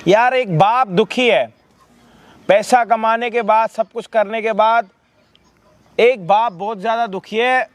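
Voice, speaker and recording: A man with a high voice hosts a staged prank video. He scolds loudly, repeats words over and over and swears freely, treating it as a confrontation. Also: takes it slowly, pauses often.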